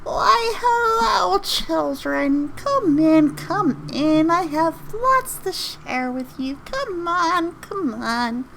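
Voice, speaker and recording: A woman's voice: extremely high pitch, big pitch swings, drawn-out words, gravelly, hardly any pauses, fairly bright tone, slight background noise, voice pushed up, exaggerated voice, low-quality recording. A woman voicing a welcoming old woman character from a tabletop game, in a sing-song, coaxing manner. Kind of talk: tabletop role-play voice.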